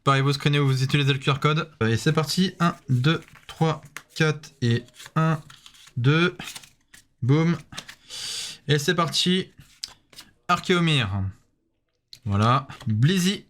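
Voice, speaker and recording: A man's voice: a little high, takes it slowly, pauses often, a bit bright, slight background noise. A man casually commenting as he opens card packs, addressing his viewers and saying "voilà" after almost every card, with frequent hesitations. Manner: chatty, addresses viewers directly. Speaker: YouTuber opening trading card packs.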